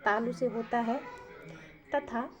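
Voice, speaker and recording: प्रश्न पूछकर खुद उत्तर देती शिक्षिका. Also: female voice, fairly high pitch, steady tone, slow. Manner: asks a question and answers it herself, repeats key terms. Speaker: teacher. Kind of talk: exam-prep grammar lesson.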